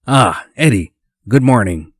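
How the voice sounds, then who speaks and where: A man's voice: medium pitch, expressive, unhurried, slightly rough, no room sound, studio quality, pitched above the performer's own voice. A man voicing a friendly, easygoing man welcoming guests in a storybook reading.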